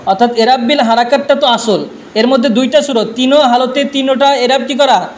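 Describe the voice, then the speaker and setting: High-voiced man drilling a class. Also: fairly even intonation, a little fast, slight background noise. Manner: drilling with repeated questions. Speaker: teacher. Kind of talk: classroom grammar lesson.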